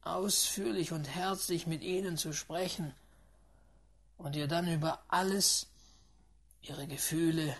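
A reader voicing a reserved, earnest Englishman who speaks in a hushed, half-whispered, measured way in an audiobook. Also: medium pitch, fairly even intonation, husky. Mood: stern. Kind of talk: audiobook reading.

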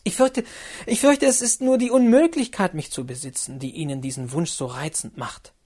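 A man voicing an earnest young woman in an audiobook, pleading and rising to a high, urgent pitch. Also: fairly even intonation, normal speed, a little mellow, close to an everyday voice. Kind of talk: audiobook character reading.

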